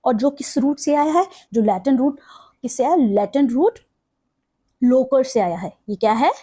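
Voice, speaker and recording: A woman teacher giving a vocabulary lesson, slowly spelling out English words and repeating them, asking a question and then answering it herself. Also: high-pitched, lively intonation, warm tone, breathy edge.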